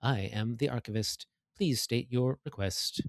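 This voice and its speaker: A man, as game master, voicing a calm and polite holographic archive computer that speaks in a slow, measured way. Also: mid-range voice, gravelly, no room sound, clean studio sound. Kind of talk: tabletop game narration.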